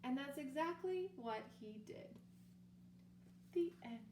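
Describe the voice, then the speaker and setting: Playful, lively woman reading a storybook. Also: high voice, slow pace. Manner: playful, expressive, sing-song. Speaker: teacher reading aloud. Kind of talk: storybook read-aloud. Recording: echoey room with faint hum.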